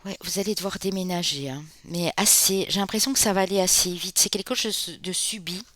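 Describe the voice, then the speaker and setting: In a dry recording, a mid-range and somewhat bright voice belongs to a Basque Country card reader from Spain. Her informal tarot session for viewers is talkative, sprinkled with "hein" and warm references to listeners as friends.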